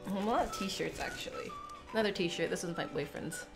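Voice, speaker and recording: Loud music sits behind a sick young woman's stuffy, nasal voice as she unpacks a bag in a small room for a casual vlog. At medium pitch and a moderate pace, her voice swings hugely in pitch while she rambles with lots of fillers.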